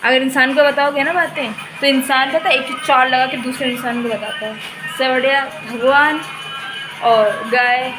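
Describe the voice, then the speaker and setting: A woman's voice: high-pitched, fairly even intonation, normal speed, music in the background, rough recording. A young woman chatting casually to viewers in a home vlog, laughing often, and later sounding tired and unwell. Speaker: vlogger. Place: indoors and in yard of a home.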